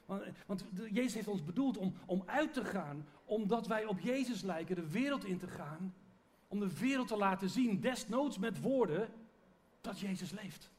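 High-voiced man preaching earnestly. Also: expressive, moderate pace, a little mellow. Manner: earnest, conversational preaching with restarts. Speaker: pastor. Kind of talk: sermon.

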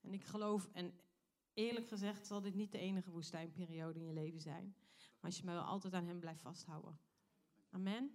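A woman's voice: lowish voice, fairly even intonation, normal speed, a little mellow. A middle-aged woman speaking to a younger church member after his testimony, talking to him directly in a chatty way. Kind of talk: warm personal encouragement.

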